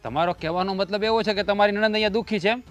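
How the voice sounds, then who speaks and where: A man's voice: sits high, rapid-fire, soft background music, close to an everyday voice. An actor playing a stern young husband who lectures his wife about the house rules in a stage-play family drama. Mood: puzzled. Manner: lecturing, insists on calm and obedience.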